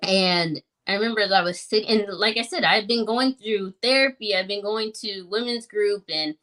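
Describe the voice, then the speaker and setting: A woman's voice: mid-range voice, normal speed, a bit bright. A woman in her thirties recounts her own story in a podcast chat. She talks earnestly and reflectively, leaning on "like" and "you know" as she goes. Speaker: guest sharing her story. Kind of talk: personal testimony in podcast conversation.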